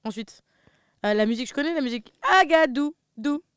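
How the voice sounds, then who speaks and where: A woman's voice: high voice, brisk, smooth, dry recording, studio quality. A young woman, co-hosting a jokey casual chat. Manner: jokey, bursts into loud laughing exclaims. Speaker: co-host.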